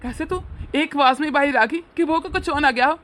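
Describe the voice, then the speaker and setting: Woman doing a bossy fatherly old-ish dad, theatrical, highish voice, cartoon family drama. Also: a little fast, fairly bright tone, a little hiss or hum. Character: scheming but kindly middle-aged father-in-law. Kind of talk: animated family drama voice acting.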